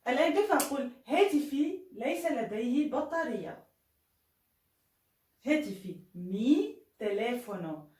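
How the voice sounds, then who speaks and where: A woman's voice: on the high side, a little mellow, distant mic. Spanish tutor woman in an echoey room. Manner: slow, drawn-out Spanish model phrases between quick explanations. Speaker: Spanish teacher. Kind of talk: online language lesson.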